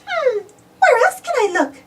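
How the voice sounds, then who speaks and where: A woman's voice: extremely high pitch, sing-song, a little slow, distant mic, noisy background, pitched above the performer's own voice, exaggerated voice. A woman voicing a sweet, resourceful female cartoon mouse, musing happily in a storybook.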